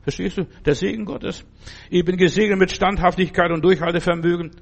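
A man giving an informal sermon, repeating his proclamations and swinging between loud outbursts and quiet asides. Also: high-pitched, steady tone, brisk, creaky. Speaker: preacher.

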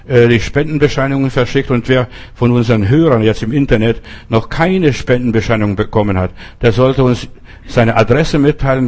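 A man's voice: medium pitch, darkish tone. An older male preacher giving a sermon, speaking directly to his listeners with emphatic, repeated phrases.

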